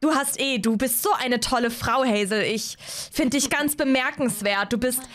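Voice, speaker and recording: A woman's voice: high-pitched, moderate pace, fairly bright tone. Woman voicing a nervous male sim who stammers and placates. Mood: placating, hesitant. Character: hesitant male boyfriend sim, eager to please. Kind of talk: voicing a game character.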